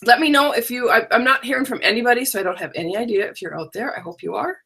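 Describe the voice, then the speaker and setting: A middle-aged woman hosts a live online crafting workshop from her home stamp room, chatting and rambling to viewers she can't see. Her voice sits on the high side and comes out rapid-fire, gravelly, pushed and bright with a breathy edge, yet it also sounds scratchy and drowsy. It's casual live-stream chat.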